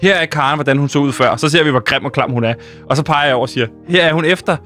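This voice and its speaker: A man's voice: on the high side, faint music behind. A young man co-hosting a casual comedic chat, dryly steering the bit and summing up the idea. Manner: deadpan, steering the bit, plays the woman's replies. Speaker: podcast co-host.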